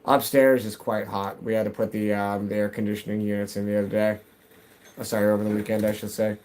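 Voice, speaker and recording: A man's voice: on the low side, level tone, quick pace, a little mellow. A man in his thirties chatting casually while gaming on a live stream, answering chat and muttering to himself as he plays, from his home basement.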